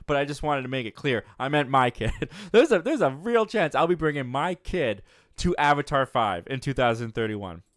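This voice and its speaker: A man's voice: medium pitch, fairly bright tone, dry recording, studio quality. A man in his twenties hosting a live movie show, chatting casually as he reads viewer comments and often laughing at his own jokes. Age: 20s.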